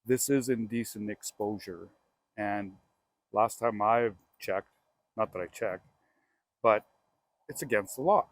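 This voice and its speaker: A man's voice: lowish voice, slow pace, pauses often. A man with a Canadian accent, hosting his own real estate show outdoors, telling a story casually and acting out both sides of a phone call. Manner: chatty and animated, acts out both sides of phone calls. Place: outdoors by a house.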